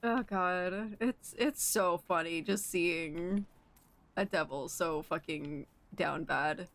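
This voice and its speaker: A young woman streaming a game, chatting casually, giggling, swearing a lot and getting excitable. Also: lowish voice, slow. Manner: giggly, excitable and profane, with frequent filler words. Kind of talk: casual gameplay commentary.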